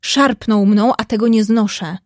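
A woman reading the part of a proud, hot-tempered young gentleman who speaks stubbornly and with indignation. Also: fairly high pitch, normal speed, dry recording, studio quality, close to an everyday voice. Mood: indignant.

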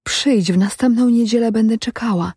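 A woman voicing a beguiling female water nymph who speaks softly and pleads in a storybook reading. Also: fairly high pitch, normal speed, slightly rough, no room sound, clean studio sound, voice pushed up. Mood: weary. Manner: soft, pleading speech.

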